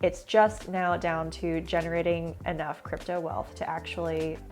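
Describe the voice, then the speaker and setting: A woman's voice: lowish voice, little pitch movement, normal speed, soft background music. Chatty young woman with a stuffy nose. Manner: chatty, upbeat, fillers like "like". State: stuffy, congested. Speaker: crypto video host. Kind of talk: casual talking-head explainer. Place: home room under construction.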